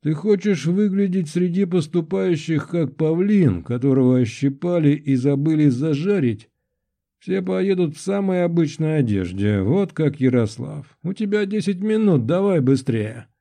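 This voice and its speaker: A man voicing a proud middle-aged nobleman, a commanding father who speaks in a booming, jovial but stern way in an audiobook. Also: animated, a little slow, vocal fry, warm tone. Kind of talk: audiobook character voice.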